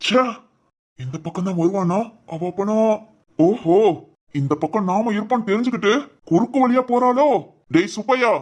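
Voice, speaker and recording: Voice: mid-range voice, moderate pace, a little mellow, lightly acted. A voice actor playing a stern, scheming male village head in a cartoon drama who barks orders. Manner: commanding, barking orders.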